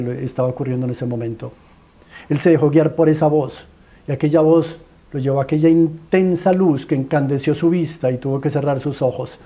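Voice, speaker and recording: Man, Colombian accent, preacher, dramatic sermon storytelling, rhetorical questions, soft warm tone. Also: on the high side. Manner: dramatic, pleading, stacks rhetorical questions and repeated phrases.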